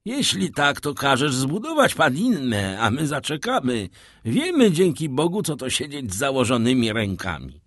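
A man voicing a rough, plainspoken old sailor who speaks in a raised, pleading tone. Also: medium pitch, very animated, moderate pace, no room sound, studio quality, voice pushed up. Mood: dismayed.

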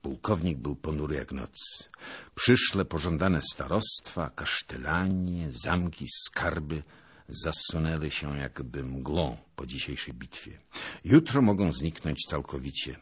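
Very deep husky male narrator. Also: a little slow. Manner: expressive, theatrical. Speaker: audiobook narrator. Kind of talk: dramatic audiobook narration.

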